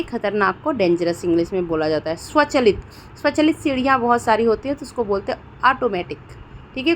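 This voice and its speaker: A fairly high-pitched woman with an Indian accent gives a spoken vocabulary lesson. She often pauses to check in with her listeners and poses each question before she answers it. Faint noise sits under her voice. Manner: repeats "theek hai doston" often and asks questions before giving answers. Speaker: English teacher.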